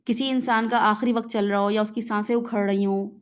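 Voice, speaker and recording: A woman with a Pakistani Urdu accent leads a Quran reflection lesson, going through it word by word, slipping in English words and frequently checking on her listeners. Her mid-range voice is steady, clear and resonant.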